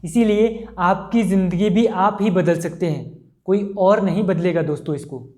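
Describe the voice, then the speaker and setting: A man's voice: high-pitched, darkish tone, slight background noise. Man giving a motivational talk. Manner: rhetorical questions, repeats key lines, often says "friends"; slows down for emphasis on sayings. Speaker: motivational speaker and business consultant.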